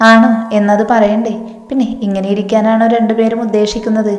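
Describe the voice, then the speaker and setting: A woman's voice: fairly high pitch, flat delivery, a little fast, darkish tone, close to an everyday voice. A woman voicing an anxious, bossy young man who is a loyal friend, speaking impatiently, in a roomy echo with long reverb. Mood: pressing.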